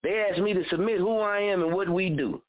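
A man's voice: sits high, fairly quick. A man in his thirties hosting a radio show, giving a blunt, fired-up motivational talk full of repetition and cursing. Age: 30s. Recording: phone-like narrow audio.

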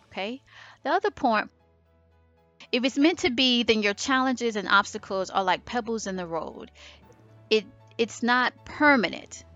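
A woman's voice: medium pitch, dull audio. A woman hosting a motivational podcast, talking emphatically and acting out little voices of doubt and fear. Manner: animated and emphatic, acts out inner voices. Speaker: podcast host.

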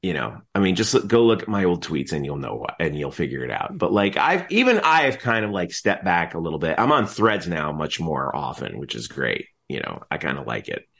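An extremely low-pitched voice with vocal fry belongs to a middle-aged man chatting casually as an interview guest; he is also an announcer and teacher. He speaks fairly quickly with hardly any pauses, rambling animatedly and frequently interrupting his own thoughts.

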